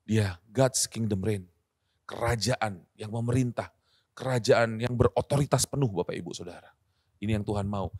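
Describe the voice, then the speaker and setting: A male pastor preaching a sermon. He swings between loud, emphatic scripture reading and soft, coaxing asides, and acts out imagined listeners in a casual voice. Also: on the low side, moderate pace, husky, no echo, studio quality. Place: church livestream.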